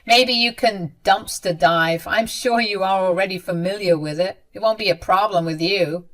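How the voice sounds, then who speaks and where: A woman narrator voices a snobbish, middle-aged mother-in-law in a dramatized story, speaking haughtily and scornfully in a mocking mood; the character is cruel and full of her own status. Her mid-range, slightly bright voice moves at normal speed and stays close to an everyday voice.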